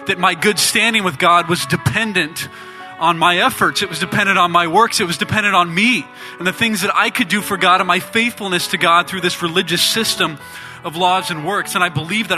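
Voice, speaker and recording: A young man from the Midwest speaks into a stage microphone in a church, chatty and full of jokes. His voice is very bright and sits a little high. Faint music plays behind him. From Indiana, US Midwest. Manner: chatty, joking storyteller. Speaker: gospel band member giving testimony. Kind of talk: stage testimony to a church audience.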